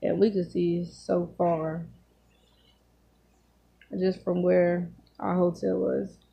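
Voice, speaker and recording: A woman in her thirties telling casual stories while she eats, talking with her mouth full and pausing to chew, recorded on a phone in a room at home. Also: on the low side, flat delivery, gravelly, husky, dull audio. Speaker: vlogger. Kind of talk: casual storytelling while eating. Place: small home room, indoors. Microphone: phone at arm's length.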